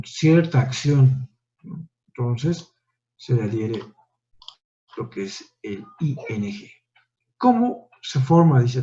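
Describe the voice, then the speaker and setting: Guy teaching a class, keeps asking "right?", warm low tone, kinda muffled recording. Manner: explains step by step, tags lines with "¿no?" and "¿ya?". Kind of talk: classroom lecture.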